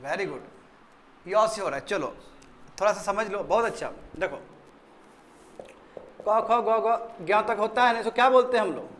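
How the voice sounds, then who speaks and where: Man, high voice, Indian English accent, classroom teacher, quizzing students, faint background hiss. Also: expressive, normal speed, long pauses, fairly bright tone. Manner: quizzing students, repeating answers. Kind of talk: classroom grammar lesson.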